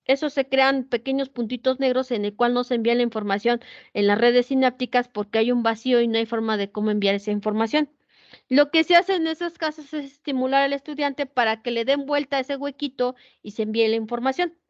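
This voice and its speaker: Woman, pedagogy teacher; animated lecture full of rhetorical questions; high-pitched, muffled lo-fi sound. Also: brisk, dry recording. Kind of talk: lecture with anecdotes. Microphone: video call setup. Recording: dull, dry lo-fi sound.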